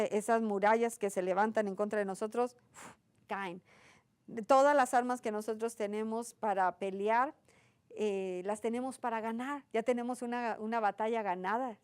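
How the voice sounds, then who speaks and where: A woman's voice: fairly high pitch, a little mellow, smooth. Earnest woman teaching a sermon. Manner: earnest, repetitive lists with frequent tag questions. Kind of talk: conversational sermon.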